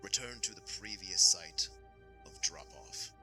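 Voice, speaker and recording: A cold, commanding voice on the phone, as a man puts on a stern teacher, very deep and hard-edged. He speaks in short, clipped orders with no warmth at all. Each word lands like an instruction for a tabletop game. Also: animated, measured pace, creaky, faint music behind, exaggerated voice. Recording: heard over a phone call.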